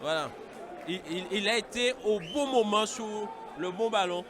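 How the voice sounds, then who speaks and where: A man commentating live on a football match in a halting, repetitive way. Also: high voice. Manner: hesitant, halting delivery with repetitions. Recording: outdoor stadium, crowd noise behind. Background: crowd.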